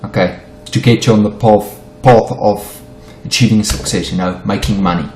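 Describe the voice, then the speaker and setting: A forex teacher, middle-aged and South African with Afrikaans as his first language, walks through charts on an unedited screen share, stumbling and repeating as he goes. His fairly low, darkish voice holds a steady tone at normal speed. The room is echoey.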